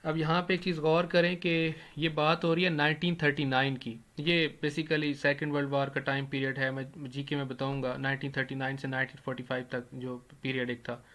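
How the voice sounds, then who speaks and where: A man teaching an English grammar lesson over a screen recording, explaining step by step, asking questions and answering them himself, and slowing down to spell out his English examples. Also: medium pitch, little pitch movement, a bit bright.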